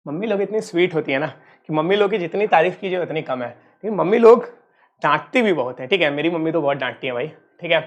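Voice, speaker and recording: A man's voice: on the high side, expressive, fast talker. Playful, teasing male physics teacher. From Uttar Pradesh, India. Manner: playful, teasing, addresses students as kids. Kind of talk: online exam-prep lecture.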